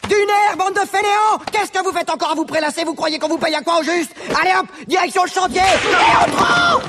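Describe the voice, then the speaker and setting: A man voicing a cruel Roman taskmaster in an animated film, barking and hectoring. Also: very high-pitched, a little fast, heavy background noise, full character voice. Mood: harsh, bullying. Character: cruel, shrill Roman taskmaster bullying workers.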